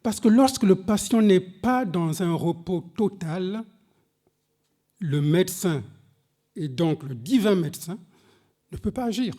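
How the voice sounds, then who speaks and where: During a church service, a man whose first language isn't French preaches in French with a warm, animated voice. His delivery is slow and emphatic, swooping through dramatic pitch swings as he reads scripture aloud and speaks directly to the congregation.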